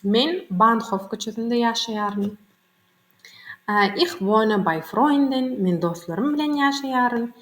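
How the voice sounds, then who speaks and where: Woman slowly teaching German words, echoey room. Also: fairly high pitch, animated. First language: Turkmen. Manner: reads German phrases slowly, then translates quickly into Turkmen. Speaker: hobby German tutor. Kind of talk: bilingual vocabulary lesson.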